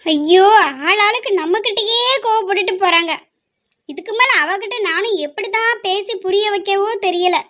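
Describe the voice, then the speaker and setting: A woman's voice: very high voice, bright, forceful tone. A woman playing a weary, pleading mother. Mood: worried. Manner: slow, pleading, scolding at times. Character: worried middle-aged mother, pleading and weary. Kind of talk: amateur family drama.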